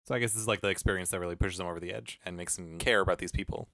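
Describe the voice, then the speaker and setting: A man's voice: sits low, fairly even intonation, very fast, bright, forceful tone, no echo, studio quality. A man co-hosting a casual film discussion, chatty and laughing often. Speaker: podcast co-host.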